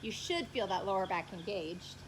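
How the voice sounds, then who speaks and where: A woman's voice: mid-range voice, expressive, moderate pace. A woman fitness instructor talking through exercises step by step and counting in an encouraging way, recorded outdoors. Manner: encouraging, cueing moves step by step. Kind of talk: instructional workout coaching with counting. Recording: clearly noisy, loud cicadas outdoors. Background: loud buzzing cicadas.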